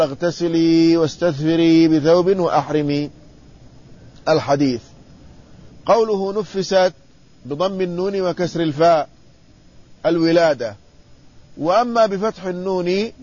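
A man teaching an Islamic hadith lesson, reading a classical text aloud, explaining it and putting quick questions to his students. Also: on the high side, dark tone, muffled recording. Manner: reads quoted text then explains, quizzes students.

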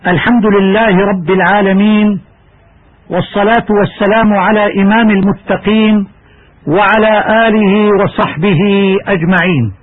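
A man teaching Quranic recitation in a scripted radio lesson, explaining rules in a measured way and chanting examples slowly. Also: high voice, husky. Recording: tinny narrow-band radio recording.

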